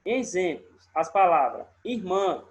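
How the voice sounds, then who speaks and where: This high-pitched, very animated man speaks with a Sergipe Brazilian accent. He's teaching a recorded remote class, breaking things down step by step and frequently checking in with short questions.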